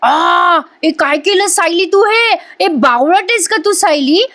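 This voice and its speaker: A woman's voice: high-pitched, moderate pace, lightly acted. A woman doing a snappish, haughty young wife. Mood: angry. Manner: snappish, scolding. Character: haughty, rude young wife, quick to snap.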